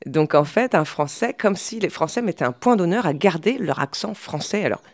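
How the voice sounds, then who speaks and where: A woman's voice: fairly low pitch, lively intonation, moderate pace, dry recording. Hesitant woman guest, dry close sound. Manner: hesitant, many fillers and restarts. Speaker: guest, language specialist. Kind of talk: conversational interview.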